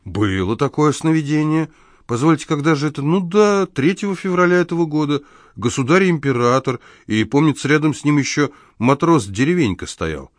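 A male reader voicing a confident, smooth-talking young con man in a cool, good-natured, unhurried way. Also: fairly high pitch, lively intonation, dry recording, studio quality, voice pushed up, natural voice.

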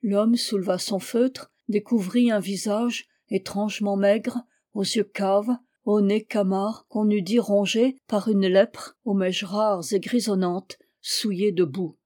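Warm-voiced woman reading a folk tale. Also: medium pitch, fairly even intonation, slow. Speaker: audiobook reader. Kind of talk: scripted narration of a folk tale.

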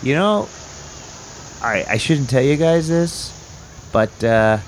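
A man's voice: mid-range voice, animated, slow, a little hiss or hum, rough recording. A man playing a casual, rambling film-shoot parking attendant who hesitates often in improvised comedy.

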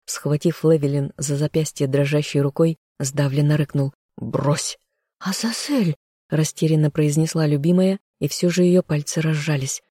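An audiobook reader tells a first-person story in a measured, even way. The voice is mid-pitched with a dark, mellow tone, recorded close in a dry space with no echo. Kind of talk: first-person scripted narration.

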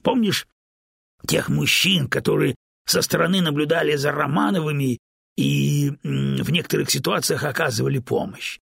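A man's voice: on the high side, normal speed, creaky, fairly bright tone, breathy edge, dry recording, clean studio sound, pitched above the performer's own voice, heavily acted. A man reading an audiobook, voicing an elderly male stone who complains and pesters eagerly in a raised, insistent voice. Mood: eager, indignant. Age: older. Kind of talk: audiobook character voice.

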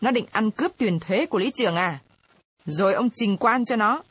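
A woman's voice: medium pitch, animated, very fast, slightly rough, dry recording. A woman reading aloud, voicing a haughty male district chief who gives orders imperiously.

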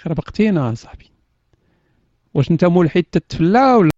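A man's voice: sits high, sing-song, a little fast, mellow, no room sound. Teasing Moroccan man on lo-fi voice chat. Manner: teasing, laughs often, mixes in French words. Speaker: host of an online voice chat room. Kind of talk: casual chat. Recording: dull, dry lo-fi voice chat audio.

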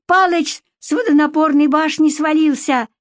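A woman voicing loud, blunt village women who shout in a shrill, drawn-out way in an audiobook. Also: no echo, clean studio sound. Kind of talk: audiobook narration.

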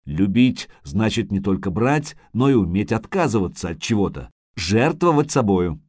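A man voicing a vain, capricious female sea siren who talks in a singsong, shrill and indignant way. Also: very animated, normal speed, darkish tone, no echo, studio quality.

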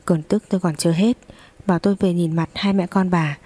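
A woman's voice: fairly low pitch, fairly even intonation, brisk, mellow, husky, no echo. A young adult woman narrating a first-person story and voicing every character herself.

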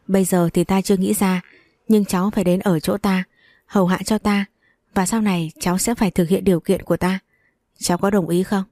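A woman voicing an elderly wealthy grandmother who is kindly yet commanding, speaking in a gentle, matter-of-fact way. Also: medium pitch, steady tone, a little fast, no room sound, clean studio sound, lightly acted.

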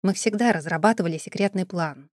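A woman narrating an audiobook in an even, first-person storytelling manner. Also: on the low side, a little fast, no room sound, studio quality.

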